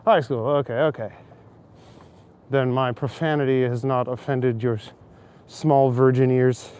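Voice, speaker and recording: Here an Ontario-accented streamer talks to his chat while walking outside in a winter city square, rambling along with jokes and plenty of chuckles. He has a medium-pitched, darkish voice with a steady tone and a slightly slow pace, and the sound is smooth.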